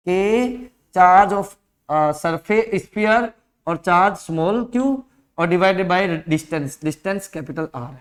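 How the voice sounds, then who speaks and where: A male physics teacher with an Indian accent, explaining exam problems step by step in an online lesson and checking often whether his students follow. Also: high voice.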